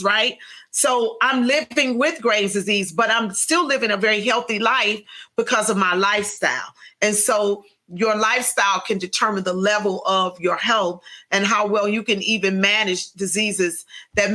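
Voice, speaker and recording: A woman's voice: mid-range voice, pushed and bright. A woman hosting a podcast interview, talking earnestly and encouragingly, with faith woven into her words. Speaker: podcast host.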